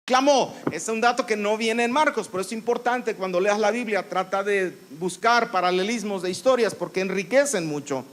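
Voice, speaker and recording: A high-pitched, fairly bright-toned pastor preaches at a moderate pace with hardly any pauses. His sermon teaches scripture, repeats phrases for emphasis, and calls out commands with authority.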